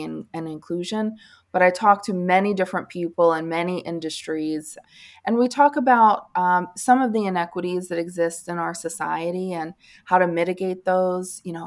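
A woman speaking as an interview guest in a measured, professional way. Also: fairly low pitch. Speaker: podcast guest and diversity executive. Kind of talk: interview talk.

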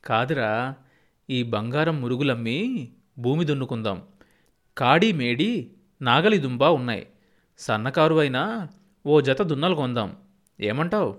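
A man voicing a proud, stubborn old farmer grandfather who speaks in a gruff, folksy village way. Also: mid-range voice, lively intonation, measured pace, long pauses, close to an everyday voice. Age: older.

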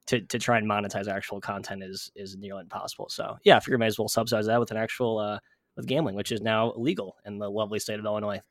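A man's voice: on the low side, level tone, fast, dry recording, clean studio sound. A man with a nasal voice, a guest on a casual podcast, rambling and self-deprecating with many fillers. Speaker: podcast guest, sports writer.

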